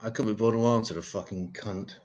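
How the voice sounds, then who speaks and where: A man doing a stand-up set of one-liners, deadpan and self-mocking. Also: lowish voice, fast talker, highs cut off. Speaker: stand-up comedian.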